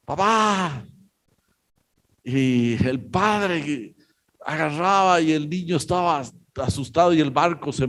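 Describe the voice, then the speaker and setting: A man preaching a sermon, telling a story in a slow, halting way with many pauses. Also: mid-range voice. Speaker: pastor.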